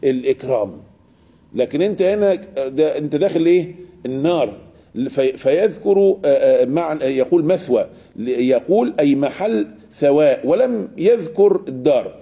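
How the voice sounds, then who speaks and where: A man's voice: a little high, animated, normal speed, warm tone, breathy edge. A man with an Egyptian Arabic accent teaching a lesson on Quranic verses, often asking the class a question and answering it himself. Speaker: religious teacher.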